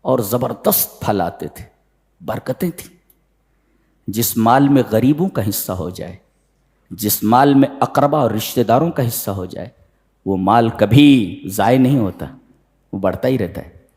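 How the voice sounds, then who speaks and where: A man preaching a sermon, reciting Arabic verses and explaining them with dramatic swings in pitch. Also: lively intonation, unhurried, long pauses, darkish tone. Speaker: preacher giving Quran commentary. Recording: long hall reverb.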